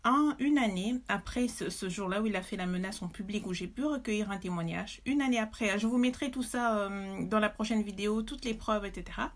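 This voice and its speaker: A woman's voice: mid-range voice, brisk, hardly any pauses. A woman from Belgium, telling her story as a mother, emotional and indignant, with many hesitations. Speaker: mother testifying. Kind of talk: personal testimony to camera.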